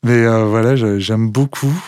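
A man's voice: on the low side, fairly even intonation, normal speed, a little mellow, no room sound, clean studio sound. A man speaking as a guest on a casual radio interview, enthusiastic but hesitant, with many fillers. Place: radio studio.

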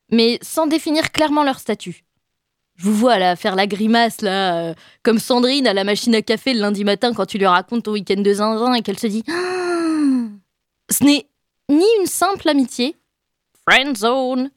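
A young woman delivering a comic chronicle in a chatty, self-mocking way, full of quick asides to her listeners. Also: fairly high pitch, no echo, clean studio sound. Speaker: radio columnist. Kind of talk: comic monologue column.

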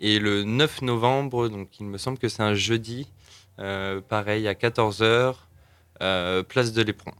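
Halting man with a smooth low voice. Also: steady tone, a bit bright, dry recording. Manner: halting, many fillers and restarts. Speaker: association volunteer, guest. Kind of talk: casual radio interview.

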